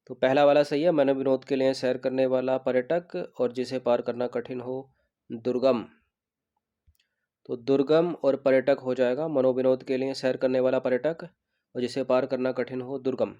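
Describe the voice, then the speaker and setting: A man leads an exam preparation class in a relaxed, mellow voice, taking each test question in turn. He repeats the right answers slowly and deliberately so they stick, and often asks the class to supply the answer. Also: mid-range voice, lo-fi sound. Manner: repeats each correct word slowly to drill it; checks in with students and asks them questions. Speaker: exam coaching teacher. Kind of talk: explaining a Hindi spelling test.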